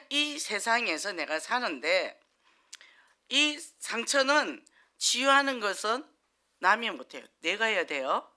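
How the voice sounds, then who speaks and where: Woman pastor, church sermon; bright, animated delivery, acts out quotes, laughs easily. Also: medium pitch. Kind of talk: conversational sermon.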